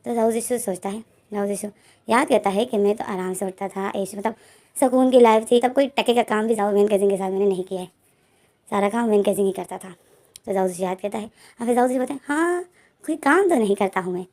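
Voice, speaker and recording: A woman's voice: mid-range voice, steady tone, quick pace, warm tone. A woman narrating a fan-fiction story in a chatty, conversational way. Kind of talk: casual fan-fiction retelling.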